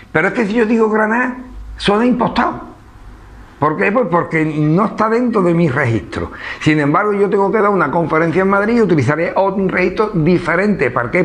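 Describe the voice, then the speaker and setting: A man with an Andalusian accent giving an informal public talk, conversational and full of rhetorical questions. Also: a little high. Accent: Andalusian Spanish. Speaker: speaker at a book presentation.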